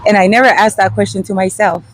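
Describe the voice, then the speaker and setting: Woman from Guatemala, hesitant, halting answers, outdoor street interview. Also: mid-range voice, fairly even intonation, slight background noise, poor audio. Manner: hesitant, halting, many fillers. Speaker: interview guest. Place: outdoors in front of a restaurant.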